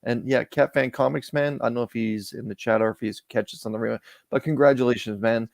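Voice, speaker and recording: Canadian man, rambling chat guest, middle pitch, dry close sound. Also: steady tone, a little fast, creaky, no room sound. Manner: rambling, repeats and restarts words. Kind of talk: casual live-stream chat.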